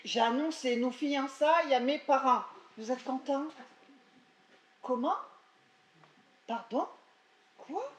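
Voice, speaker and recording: A woman acting an excitable young daughter in a stage comedy, theatrical and gushing. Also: high voice, takes it slowly, long pauses, reverberant. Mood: overwrought. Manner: theatrical, exclaiming, gushing on the phone. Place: theatre stage before an audience.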